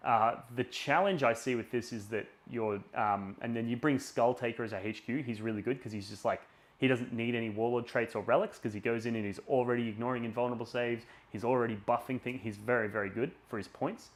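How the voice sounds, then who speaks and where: A man's voice: medium pitch, fairly even intonation, fairly quick. Male live stream host, mid-range voice, informal and opinionated, chatty explainer delivery. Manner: informal, opinionated, thinking aloud. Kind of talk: casual live stream chat, explaining tabletop game tactics and running a giveaway.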